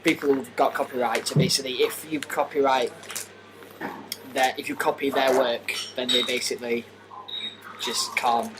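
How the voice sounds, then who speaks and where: A man chatting casually as a podcast co-host, rambling through his explanations with lots of "like" and "basically" and frequent laughs. His pitch sits at an ordinary middle level. A faint hiss of noise runs under the amateur recording. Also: fairly even intonation, moderate pace. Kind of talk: casual chat.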